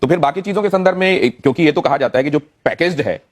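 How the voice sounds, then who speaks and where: A man's voice: a little high, lively intonation, fast, heavy background noise. A man moderating a TV debate, pressing with insistent questions and cutting in. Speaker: debate show anchor.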